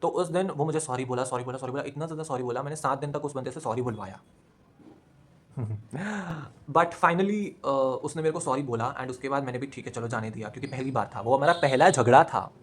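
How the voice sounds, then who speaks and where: Fast-talking young man telling a story. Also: medium pitch. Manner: chatty, mixes Hindi with English phrases. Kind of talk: casual storytime vlog. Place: at home.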